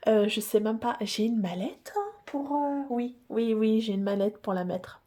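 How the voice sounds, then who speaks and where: A woman's voice: on the high side, expressive, unhurried, dark tone. A woman hosting a casual unboxing vlog who gushes and repeats herself, with many hesitant fillers. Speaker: hobby channel host.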